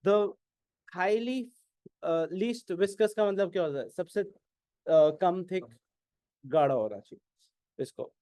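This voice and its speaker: A man with an Indian English accent teaching an exam-prep class, mixing Hindi and English and often asking whether it is clear. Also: high-pitched, animated, slow, pauses often, warm tone, no echo. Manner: keeps asking "is it clear?", questions and answers his own prompts.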